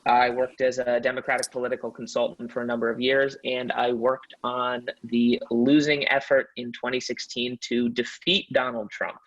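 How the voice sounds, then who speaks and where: Male podcast host, earnest and measured, mid-pitched, a bit muffled lo-fi audio. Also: little pitch movement, a bit bright. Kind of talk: interview hosting. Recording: slightly dull, lo-fi audio.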